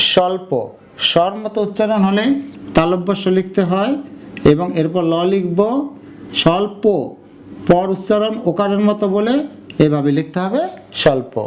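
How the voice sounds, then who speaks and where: A man's voice: high-pitched, a little mellow. Man explaining a grammar lesson step by step. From Bangladesh. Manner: explains step by step, repeats example words slowly. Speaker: teacher.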